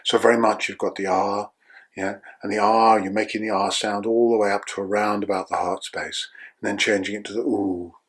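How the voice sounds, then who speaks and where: Older man, husky, calm breath guide. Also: lowish voice. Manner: calm, slow guiding with checking "yeah?". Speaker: breathwork teacher.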